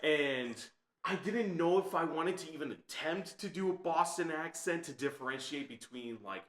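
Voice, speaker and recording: A man's voice: a little high, moderate pace, fairly bright tone, reverberant. A young man, a podcast guest, chatting casually about making a film. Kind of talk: casual chat.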